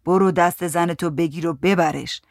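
A woman reading as a calm old man. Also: on the low side, creaky, no room sound, studio quality. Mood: admonishing. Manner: gently admonishing. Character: calm elderly man, conciliatory bystander.

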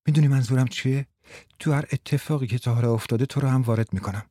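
A man's voice: medium pitch, dark tone, dry recording, clean studio sound, natural voice. A man voicing an agitated young wife who swings between mocking teasing and anxious pleading, read in a storybook.

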